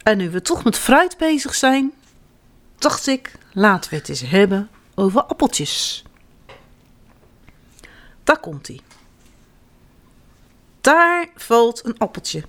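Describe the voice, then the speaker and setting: A woman reading a children's story aloud, animated and expressive. Her voice sits fairly high and swings widely in pitch. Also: slow, long pauses.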